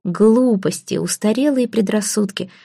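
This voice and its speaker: A woman's voice: medium pitch, a little slow, vocal fry, warm tone, slightly rough, no room sound, studio quality. A woman reading as an earnest young nobleman. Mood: insistent. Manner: insistent, earnest, exclamatory.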